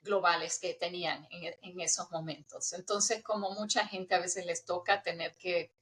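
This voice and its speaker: Chatting and laughing easily in a conversational interview, a middle-aged intercultural trainer from the U.S. speaks with a hybrid Spanish accent that people often take for Argentine. Her voice has a fairly low pitch and is a bit bright, with a steady tone at a moderate pace.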